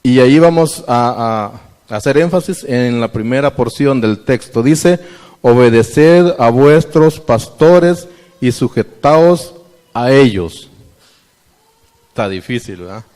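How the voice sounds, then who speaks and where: A man's voice: medium pitch, darkish tone, big-room sound. A man giving a sermon to a church congregation, asking them questions and reading scripture aloud. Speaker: church member addressing the congregation.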